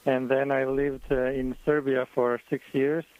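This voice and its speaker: A man's voice: mid-range voice, level tone, a little slow, no room sound, narrow, tinny audio. A man, a guest economist answering interview questions by phone in a hesitant, thoughtful way. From Croatia. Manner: hesitant, thoughtful, with many fillers.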